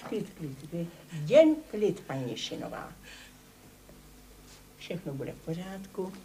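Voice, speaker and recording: A woman's voice: lowish voice, big pitch swings, slight background noise. A fussy older neighbor woman. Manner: fussy, dramatic, hushing. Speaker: nosy neighbor. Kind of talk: 1980s TV comedy acting.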